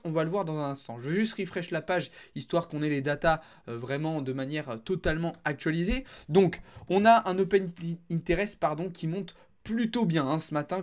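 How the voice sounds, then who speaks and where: A man with a slight lisp on his s sounds, presenting market commentary to viewers. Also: on the high side. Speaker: crypto trading video host.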